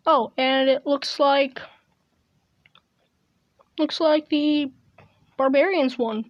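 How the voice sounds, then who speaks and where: Woman, high voice, hesitant commentary on a game, chewing gum, earbud mic at home. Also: fairly even intonation, very slow, highs cut off. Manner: rambling, hesitant, many restarts. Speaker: gaming video host. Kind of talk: casual gameplay commentary. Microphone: earbud headset mic.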